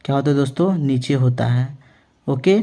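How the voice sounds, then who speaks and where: Man, maths teacher, mellow warm tone, questions and answers himself, slow board-writing pace. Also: medium pitch. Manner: repeats questions to the viewers and answers them himself; ends phrases with a reassuring check-in. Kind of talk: classroom-style lesson.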